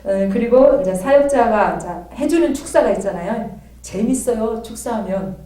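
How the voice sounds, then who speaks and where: Chatty woman theology lecturer, higher mellow voice, far from the mic in an echoey room. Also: normal speed, slight background noise. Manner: chatty, conversational, checks in with listeners. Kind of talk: classroom lecture. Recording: roomy, from a distance.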